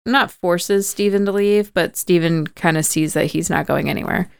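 A woman's voice: on the low side, fairly even intonation, normal speed, gravelly, clean tone, no room sound, studio quality. A woman podcast host casually retelling a movie plot, chatty and full of "like" and "kinda".

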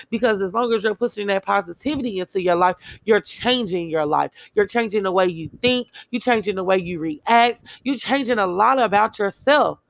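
A woman speaks in an earnest, emphatic motivational monologue and hammers her points home through repetition. Her voice has a gravelly, fry-laden edge, and the recording is close and dry, with no room sound. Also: medium pitch, no room sound.

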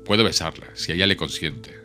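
A man's voice: low-pitched, brisk, bright, forceful tone, soft background music. A man reading the lines of a brooding, vengeful young man in an audiobook, bitter and menacing.

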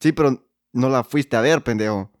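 A man's voice: mid-range voice, normal speed, dry recording, studio quality. A man, cracking crude jokes while he reads listener stories aloud in casual podcast chat. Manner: crude, joking, laughs often. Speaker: podcast co-host.

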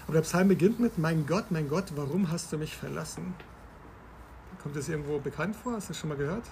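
A man's voice: a little high, fairly quick, vocal fry, darkish tone, a little hiss or hum. A man hosting a podcast, explaining Bible passages step by step in a conversational way and asking his listener questions. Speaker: podcast host.

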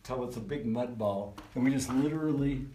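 A man's voice: mid-range voice, fairly quick. A man giving a casual, practical tour of a small earth house, heard in a poor-quality field recording. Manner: relaxed, practical, hands-on explaining. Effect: poor-quality, distant field recording. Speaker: community member giving a tour. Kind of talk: casual explaining on a walking tour. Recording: distant, echoey, noisy field recording.

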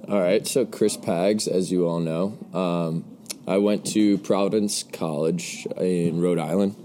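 A man's voice: low-pitched, steady tone, slow pace, dark tone, slight background noise. A man in his early twenties talking casually as a podcast guest. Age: early 20s. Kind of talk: casual chat. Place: outdoors under a canopy by a pool.

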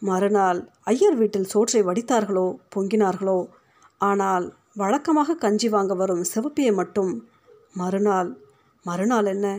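Woman reading a short story, steady, expressive, middle pitch. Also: moderate pace. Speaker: narrator.

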